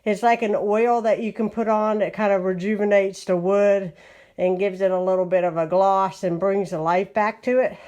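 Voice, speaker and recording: A woman's voice: medium pitch, fairly even intonation, moderate pace, darkish tone, muffled recording. A woman with a West Virginian accent, chatting casually at home as she shows off a wood-care job and recommends the product. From West Virginia, USA. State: a bit out of breath. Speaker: home vlogger. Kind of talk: casual chat. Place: home, indoors.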